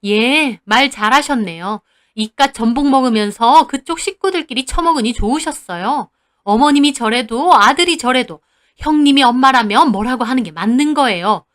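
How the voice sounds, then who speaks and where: A woman's voice: high voice, expressive, normal speed, a bit bright. A woman voicing a fed-up middle-aged mother who confronts her in-laws sharply with a raised voice. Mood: cutting.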